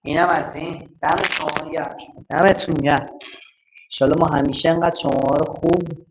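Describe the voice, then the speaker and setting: A man's voice: on the high side, fairly even intonation, a little hiss or hum. A man from Iran teaching an online math class, playful and affectionate with his students. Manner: playful, affectionate, talks to students as dear ones. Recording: very echoey room.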